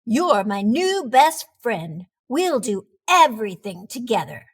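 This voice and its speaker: A woman's voice: a little high, big pitch swings, slow pace, breathy edge, heavily acted. A woman voicing an eager, friendly young male cat in a storybook, enthusiastic and emphatic.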